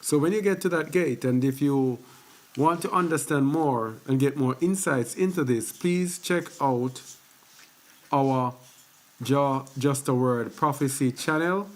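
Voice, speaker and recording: A man hosting a religious teaching video, speaking casually and repeating points for emphasis. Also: medium pitch. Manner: slow, conversational, repeats phrases for emphasis. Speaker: host of a faith teaching channel.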